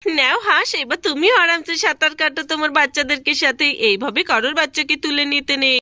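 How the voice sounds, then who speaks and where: A woman's voice: sits high, quick pace, pushed and bright, no room sound, clean studio sound. A woman voicing an anxious young mother in a cartoon who coaxes and pleads. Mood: coaxing worried. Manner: coaxing, pleading. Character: young mother Rupa, anxious for her son.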